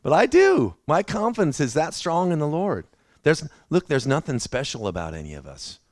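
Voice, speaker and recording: A man's voice: fairly high pitch, wildly swooping pitch, moderate pace, dry recording, clean studio sound. A man preaching a sermon in a church, telling his own story in a conversational, self-deprecating way. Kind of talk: sermon with personal testimony.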